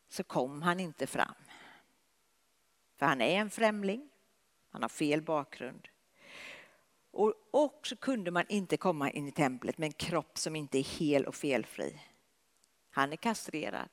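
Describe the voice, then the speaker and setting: A woman preacher delivering a sermon as dramatic storytelling, dropping to hushed lows and rising to emphatic peaks. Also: long reverb tail.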